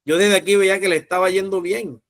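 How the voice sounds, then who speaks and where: A pastor preaching with a notably high voice. He speaks emphatically and with command, urging his listeners on. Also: fairly even intonation, fast, a bit bright, no echo, clean studio sound. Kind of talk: sermon.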